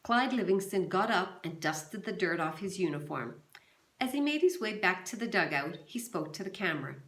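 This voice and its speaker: With a medium-pitched voice at a moderate pace, a woman teacher narrates a novel for her students, keeping her delivery calm and even. The echoey room adds a spacious reverberation to the sound.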